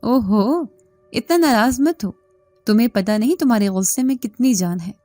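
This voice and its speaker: A woman's voice: a little high, expressive, moderate pace, warm tone, no echo, faint music behind, lightly acted. A woman doing a cocky, smirking college boy. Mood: mocking. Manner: smirking, mocking. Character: cocky teasing young male college student.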